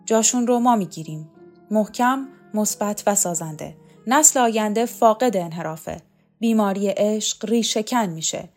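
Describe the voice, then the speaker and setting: A woman's voice: medium pitch, a little mellow, soft background music, close to an everyday voice. A woman voicing a cold, domineering female commander who barks harsh, clipped orders, read in a storybook. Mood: cold, proud.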